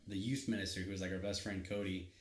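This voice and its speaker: A man co-hosting a podcast, telling a story in casual chat, animated and laughing often. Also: deep voice, fast. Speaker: podcast co-host. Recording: echoey room.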